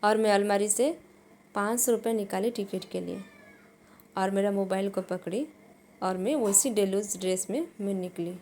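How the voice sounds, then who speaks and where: A woman telling a personal testimony in an earnest, halting way, with many restarts. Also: medium pitch, darkish tone, slight background noise.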